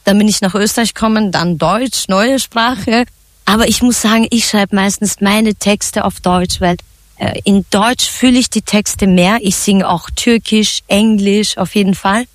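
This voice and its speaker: A woman from Turkey, a singer and songwriter, answering radio interview questions in a relaxed, chatty way with frequent laughs and fillers. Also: mid-range voice, a little slow, no echo.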